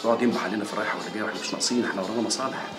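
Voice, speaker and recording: An actor playing a shrewd, persuasive street boss with an Egyptian accent in a TV drama. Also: male voice, fairly low pitch, very fast, lightly acted. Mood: scheming. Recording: roomy with loud music.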